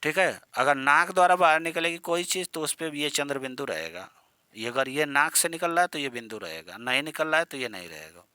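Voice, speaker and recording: Bright-voiced male teacher, chatty lesson. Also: fairly high pitch, lively intonation, fairly quick, smooth, no room sound. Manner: chatty, addresses students as "beta" and "yaar". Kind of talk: exam-prep grammar lesson.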